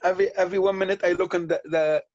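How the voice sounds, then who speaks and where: A man from Syria with a Syrian Arabic accent, talking on a video call in halting, simple English with lots of repeated words, tired and thirsty from fasting. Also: high-pitched, steady tone, darkish tone, dry recording, dull audio. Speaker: guest. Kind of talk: casual chat on a video call.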